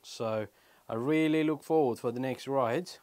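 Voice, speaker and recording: Inside a small wooden shed or garage room, a man in his thirties who vlogs about motorcycles gives a relaxed, step-by-step product demo in brief phrases. He speaks at a moderate pace with a mid-range, somewhat dark voice.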